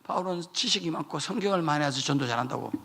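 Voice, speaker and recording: A man preaching a revival sermon in a church, telling stories with sudden shouted high bursts. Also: very fast, vocal fry, slightly rough. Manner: animated storytelling, jumping to shouted high bursts. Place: church sanctuary.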